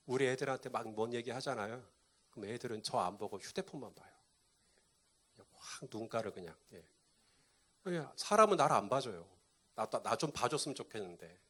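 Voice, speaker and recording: Male pastor, sermon, engaging, asks the congregation questions, mid-pitched voice. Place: church with a live congregation.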